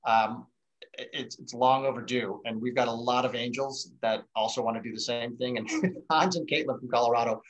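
Speaking fairly quickly in a steady, medium-pitched voice, this middle-aged American man casually hosts a virtual wine tasting by video call. His call microphone cuts off the highs.

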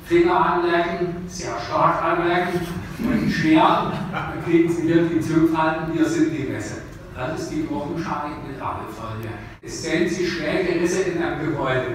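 A man professor giving a humorous, animated lecture in a university lecture hall. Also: slight background noise. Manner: animated, jokey, with big pitch jumps. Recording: echoey hall from far off.

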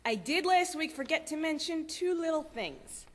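A woman giving lively, chatty announcements to a church congregation, laughing often. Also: sits high, moderate pace. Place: church sanctuary. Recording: long church reverb.

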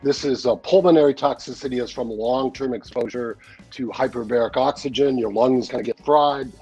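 On a webcam video call from his home study, the show's regular guest, a newsletter editor in his sixties, talks casually and rambles, filling gaps and laughing easily. His medium-pitched voice is a little fast, darkish and slightly rough, over soft background music.

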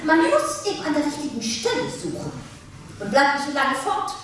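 A woman plays a sharp-tongued middle-aged wife in a live comic sketch, high-voiced and swinging up and down as she mocks and orders her husband about. The voice sounds echoey and distant, picked up across a theater stage. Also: big pitch swings, moderate pace, a little hiss or hum. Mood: mocking. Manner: dry, mocking, bossy, breaks into laughter. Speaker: actress in a staged reading. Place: theater stage before an audience.

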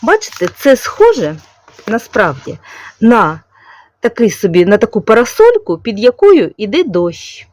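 A woman's voice: fairly high pitch, huge pitch swings, no room sound. A woman with a Ukrainian accent, chatting casually and unhurriedly in her vlog and explaining how to draw a character. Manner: chatty and unhurried, with soft diminutives. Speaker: knitting vlogger. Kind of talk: casual chat, explaining calligraphy.

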